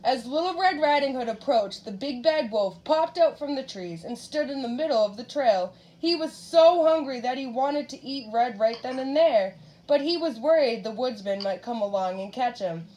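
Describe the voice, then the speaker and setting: A woman with a high, bright speaking voice reads a picture book aloud to a little child. She keeps it lively and stops often to ask about the pictures. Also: normal speed, rough recording. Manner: animated, asks the child questions. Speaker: reader.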